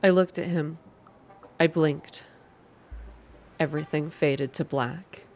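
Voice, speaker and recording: A woman with a low, darkish voice reads slowly and keeps her intonation fairly even. She hosts a video game reading channel and speaks to her listeners in an ASMR style, mixing narrated reading with casual updates for viewers.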